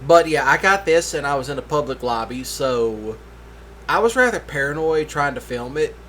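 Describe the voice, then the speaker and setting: A man's voice: fairly high pitch, expressive, normal speed, fairly bright tone, a little hiss or hum. Tired, rambling man doing game commentary. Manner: rambling, laid-back, yawning. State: tired late at night. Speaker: gaming video host. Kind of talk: casual voice-over commentary.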